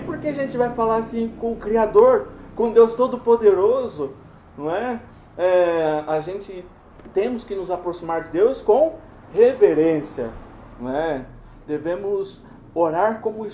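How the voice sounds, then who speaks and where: A Brazilian pastor preaches in a conversational style, tossing rhetorical questions to his congregation. His voice sits high for a man but sounds mellow and soft-edged. The church room around him is reverberant. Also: expressive, normal speed, a little hiss or hum. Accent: Brazilian Portuguese. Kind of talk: sermon. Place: church sanctuary.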